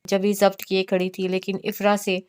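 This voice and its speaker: A woman reading a romance novel aloud in a steady, unhurried way with small slips. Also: mid-range voice, clear, resonant tone. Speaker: novel reader. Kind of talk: audiobook narration of a romance novel.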